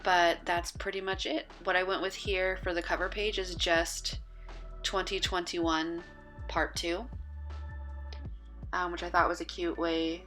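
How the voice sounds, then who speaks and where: Talking through her planner spreads, this woman keeps things easygoing and conversational, pausing often with an um or uh. Her voice sits fairly low and sounds a bit tired, as though she's losing it. She's a bullet journal vlogger doing a voice-over over quiet music.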